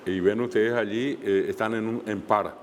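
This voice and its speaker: A man's voice: lowish voice, fairly even intonation, moderate pace, big-room sound, a little hiss or hum. A man teaching a language class online, explaining step by step with frequent fillers and repeated examples.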